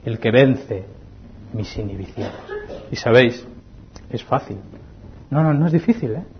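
Fervent Spanish preacher, soft to loud. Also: male voice, medium pitch, lively intonation, moderate pace, a little hiss or hum. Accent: Spain Spanish. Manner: swings between soft hushed pleading and raised fervent exhortation; addresses the congregation as brothers. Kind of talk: sermon. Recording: dull lo-fi recording.

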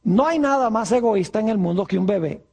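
A preacher giving a sermon, asking rhetorical questions and answering them, stretching key words slowly. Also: mid-range voice, animated, a little mellow.

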